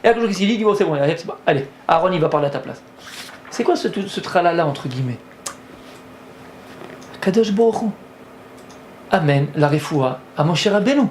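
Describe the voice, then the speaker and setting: A rabbi delivers a lively Torah lesson, his voice high and his delivery quick. He acts out conversations with sudden exclamations. A faint ambient hum sits behind him. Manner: animated, acts out dialogue with rising exclamations.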